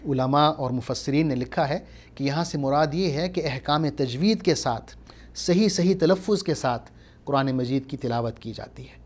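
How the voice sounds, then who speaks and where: A man with a Pakistani Urdu accent giving a measured religious lecture, stressing his points and reciting Arabic verses. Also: mid-range voice, darkish tone. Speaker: Islamic scholar.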